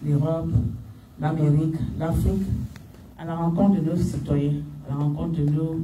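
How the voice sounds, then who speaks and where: A woman, a former political activist, giving a soft-spoken, light-hearted introduction at a community gathering. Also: deep voice, fairly even intonation, normal speed. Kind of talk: public speech at a community gathering. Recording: echoey room from far off, clear background noise.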